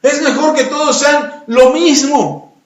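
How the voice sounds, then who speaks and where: A man preaches and tells a story, hammering points home by repeating his phrases. His voice sits very high for a man. He sounds far from the mic in a strongly echoing space, with a dull, lo-fi tone. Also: slow. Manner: repetitive, emphatic preaching. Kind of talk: sermon with storytelling. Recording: roomy echo, distant, dull lo-fi.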